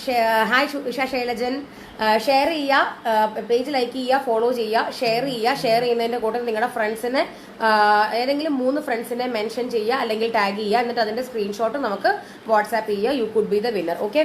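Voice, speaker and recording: Female live-sales host, higher register, casual and chatty despite a cold, some background noise. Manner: chatty, mixing in English words. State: has a lingering cold and cough. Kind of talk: casual live sales chat, greeting viewers.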